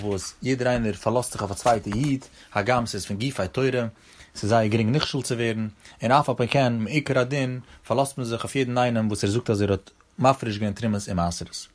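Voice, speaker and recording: Man, Yiddish accent, Talmud class, singsong study-hall chant, mid-pitched voice. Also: a little mellow, slight background noise. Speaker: Talmud teacher.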